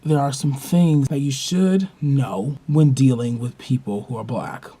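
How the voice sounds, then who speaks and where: A man's voice: medium pitch, unhurried, dark tone, husky. A young man hosting his own vlog, talking casually to the camera and telling stories with emphasis. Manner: emphatic, storytelling with acted-out quotes. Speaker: vlog host.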